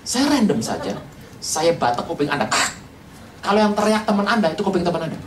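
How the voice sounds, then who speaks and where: Preacher, lively joking sermon style, big pitch swings, roomy hall sound from a distance. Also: fairly quick, slight background noise. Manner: animated, rhetorical questions to the congregation, jokes.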